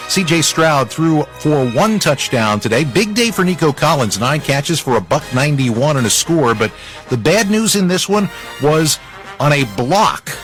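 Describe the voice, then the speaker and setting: Sports radio guy reading football highlights, kinda high voice, punchy and informal, music bed. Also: very animated, a little slow, fairly bright tone. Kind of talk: scripted football roundup narration with conversational asides.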